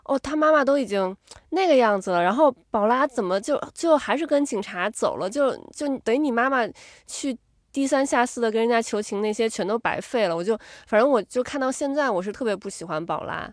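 A woman's voice: on the high side, expressive, brisk, no room sound, clean studio sound. A middle-aged woman and mother co-hosting a podcast, speaking candidly and plainly. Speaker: podcast co-host. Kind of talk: casual chat.

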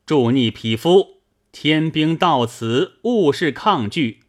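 A man's voice: a little high, animated, slow pace, pitched above the performer's own voice. A man reading out a bold young general's challenge, raising his voice in command.

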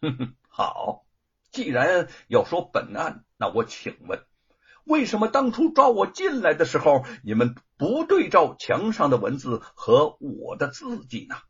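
A storyteller voicing a defiant young scholar who fires back with question after question, his voice rising and falling widely. it is husky and comes through a dull, lo-fi recording. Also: fairly high pitch, huge pitch swings, measured pace, exaggerated voice. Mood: indignant. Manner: forceful, indignant, rhetorical. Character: defiant young male scholar, proud and indignant.

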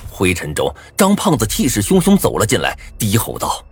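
A man narrating a first-person novel in a dramatic, expressive way, with a husky voice. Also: lowish voice, moderate pace, noisy background. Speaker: audiobook narrator.

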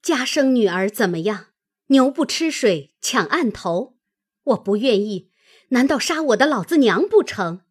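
A woman's voice: a little high, sing-song, unhurried, husky, voice pushed up, exaggerated voice. A woman voicing a proud young maid who scolds sharply and refuses to back down, in a read-aloud classic story. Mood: indignant.

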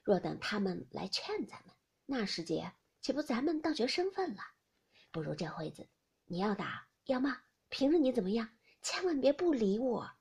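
A woman doing a soft, pleading young nobleman. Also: on the high side, sing-song, normal speed, gravelly, slightly rough, heavily acted. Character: coaxing lovesick young nobleman.

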